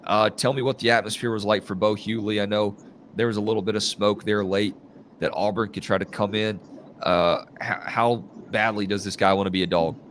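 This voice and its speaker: A man with a congested, nasal baritone that sounds like his nose is pinched, hosting live college football talk in a conversational, think-aloud way. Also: steady tone, fairly quick, a bit bright, slight background noise. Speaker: host of a live college football recruiting show. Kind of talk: live sports talk and commentary.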